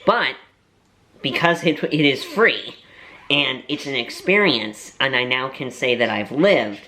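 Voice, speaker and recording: Chatty young man with a bright, roomy sound. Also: medium pitch, expressive, slow pace, a little hiss or hum. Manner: chatty and rambling, with playful self-mocking jokes. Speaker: vlogger and voiceover artist. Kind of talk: casual food-tasting vlog chat. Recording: roomy echo.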